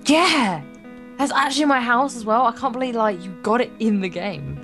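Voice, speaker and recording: A woman reads visual novel text aloud in a Let's Play, tossing in casual, jokey asides and sometimes stumbling over words. Her voice sits a little high and sounds animated and slightly bright, moving at a moderate pace. Soft music plays in the background.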